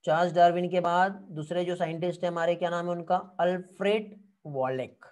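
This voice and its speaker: In a high-pitched, darkish voice with fairly even intonation, a male biology teacher briskly delivers an online exam-prep lecture. He addresses students as "beta," keeps asking "theek hai" to make sure they're following, and replies to their comments.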